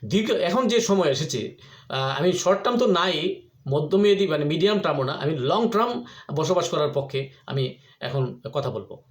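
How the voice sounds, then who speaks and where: A middle-aged man talks through practical advice in a loose, rambling way, stopping often on "ah" and restarting his sentences. His voice sits a little high for a man. The room around him has a clear echo. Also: lively intonation, moderate pace. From Bangladesh. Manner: rambling, frequent "ah" fillers and restarts. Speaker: vlogger. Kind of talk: casual advice talk. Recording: echoey room.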